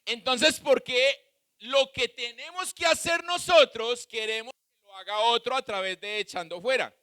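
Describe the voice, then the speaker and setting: A male pastor preaching a sermon with a Colombian Spanish accent, swinging between loud shouts and soft asides. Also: very high-pitched, a little slow, no room sound.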